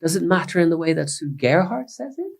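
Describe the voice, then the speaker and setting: A man from Sweden speaking English, a psychotherapist guest explaining ideas in an animated, emphatic way. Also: a little high, a little fast, vocal fry. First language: Swedish. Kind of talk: conversational podcast interview.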